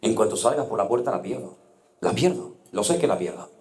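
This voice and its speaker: A male pastor preaching a sermon, telling stories with passion and dropping to hushed tones at times. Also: on the low side, expressive, a little fast. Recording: echoey room.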